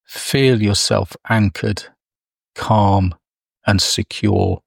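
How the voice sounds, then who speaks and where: A man leading a guided meditation, speaking softly and soothingly with long pauses. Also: lowish voice, fairly even intonation, gravelly, husky, dry recording, studio quality. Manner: slow, soft, soothing delivery with long pauses.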